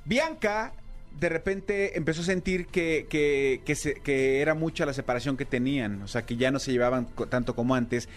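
A man with a Mexican accent, co-hosting a casual comedic chat and telling a story in an animated, jokey way with plenty of fillers. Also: medium pitch, moderate pace, soft background music. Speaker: podcast co-host telling a news story.

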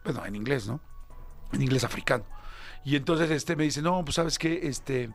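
A Mexican man with a Mexican Spanish accent telling a story casually, full of slang and jumping into high acted-out voices. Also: moderate pace, soft background music. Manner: animated, slangy, acts out other voices with big pitch jumps. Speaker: podcast host.

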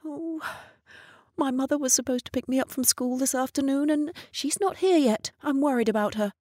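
A woman's voice: high-pitched, moderate pace, darkish tone, no room sound, clean studio sound, pitched above the performer's own voice, lightly acted. A woman voicing a confused woman in her seventies who anxiously waits for her mother, pleading and childlike. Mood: worried. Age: 70s.

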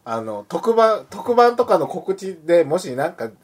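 A male radio host with a fairly high voice that swings about freely. He banters casually and delivers his remarks in a jokey, exclamatory way. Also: sing-song, unhurried. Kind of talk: casual radio banter and reading listener messages.

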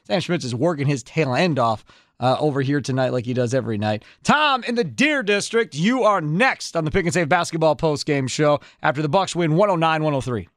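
A man's voice: fairly high pitch, expressive, fairly quick, fairly bright tone, no room sound, studio quality. A man hosting a live postgame sports call-in radio show, chatty and emphatic, repeating phrases.

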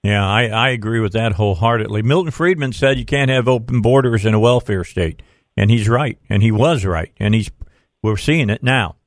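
A man's voice: on the low side, moderate pace, no echo, clean studio sound. A man hosting a political talk radio show in an informal, folksy, conversational way. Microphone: close studio microphone.

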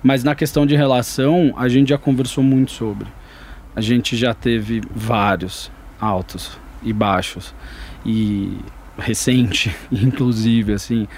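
A man, a guest on a chat show, talking candidly in a relaxed, rambling way with slang. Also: medium pitch, slow pace, a little hiss or hum. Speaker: podcast guest, father. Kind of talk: casual chat.

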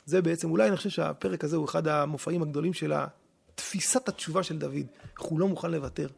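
A man, a rabbi, teaching in conversation and telling stories with lively quoted voices. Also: a little high, creaky, breathy edge. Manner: animated storytelling, acting out quoted voices. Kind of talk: teaching on scripture in a podcast conversation.

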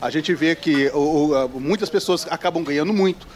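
A man's voice: on the high side, normal speed. A man from Bahia with a Bahian Brazilian accent, answering casually in a street interview. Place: busy city street in São Paulo.

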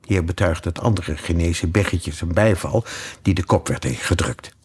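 A man reading a children's classic aloud with lively, expressive narration. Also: low-pitched, moderate pace, breathy edge. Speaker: audiobook reader. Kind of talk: storybook reading.

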